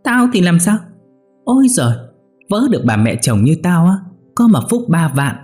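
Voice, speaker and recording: A man voicing a sharp-tongued old village mother-in-law, scolding in a shrill, shrieking voice. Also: sing-song, moderate pace, faint music behind. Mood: scornful scolding.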